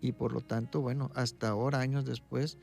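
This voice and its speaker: Brief: male doctor, interview guest, gravelly mid-pitched voice, patient explanatory delivery. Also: a little fast, faint music behind. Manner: calm, explaining, tags points with "¿sí?".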